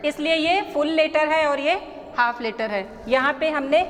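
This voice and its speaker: A woman teacher with an Indian accent, slowly explaining letters and their pronunciation, often repeating herself and checking whether the class understands. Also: sits high. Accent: Indian English. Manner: slow, repetitive explaining, mixing Hindi and English, checks understanding. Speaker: English teacher. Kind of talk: classroom lesson explaining spelling. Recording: echoey room with faint background noise.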